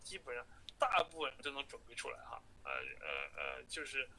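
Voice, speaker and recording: A man working as an immigration agent, heard through a recorded phone call, pitching his services. He fills his talk with hesitant filler sounds while he reassures the listener. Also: wildly swooping pitch, moderate pace, pushed and bright, husky.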